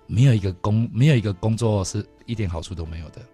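Fast-talking Taiwanese Mandarin radio host. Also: male voice, lowish voice, slightly rough, faint music behind. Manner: fast, animated storytelling with laughs. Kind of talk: casual radio chat. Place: radio studio.

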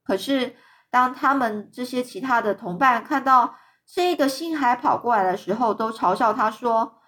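A woman's voice: on the high side, moderate pace, fairly bright tone. A woman reading a children's fairy tale aloud in a loose, conversational way, with fillers and restarts. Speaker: storyteller.

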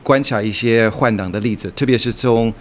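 A man's voice: mid-range voice, fairly quick. British man speaking Mandarin as a foreigner. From England. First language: English. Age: 50s. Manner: foreigner speaking Mandarin, occasional English words. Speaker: guest academic. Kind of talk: interview conversation.

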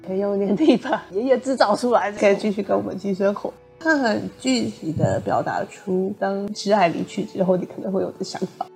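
Woman, co-host, gentle, brisk pace, faint music in the background. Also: mid-range voice, lively intonation, creaky. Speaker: podcast co-host. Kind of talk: book discussion podcast.

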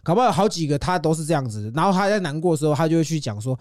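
A man's voice: on the high side, racing, dry recording, studio quality. A man in his thirties with a Taiwanese Mandarin accent, co-hosting a crude casual podcast, telling stories with swearing and laughter. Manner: animated storytelling, swears, laughs often. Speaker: podcast co-host.

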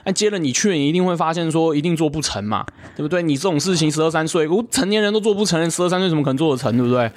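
Fast-talking blunt man giving advice. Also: a little high, lively intonation, no echo. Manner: blunt, persuasive, keeps asking "right?". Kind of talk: casual advice chat.

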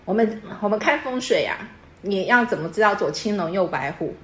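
A woman's voice: medium pitch, expressive, moderate pace, fairly bright tone. A woman, patiently explaining customs to a guest in casual chat and quizzing her as she goes. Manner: patient, teacherly, quizzes the listener. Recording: echoey room.

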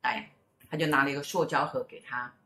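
A woman's voice: extremely low pitch, a little fast, echoey room, slight background noise. A middle-aged woman with a Taiwanese Mandarin accent, telling a story in casual chat and acting out the lines of the people in it. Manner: animated storyteller who acts out quoted speech. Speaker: host, mother.

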